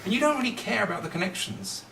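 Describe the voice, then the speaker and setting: A man's voice: sits high, lively intonation, fast, gravelly, pushed and bright. A middle-aged man performing as a kids' party magician, with playful patter that coaxes the young audience along with questions. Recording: roomy, distant mic, faint noise.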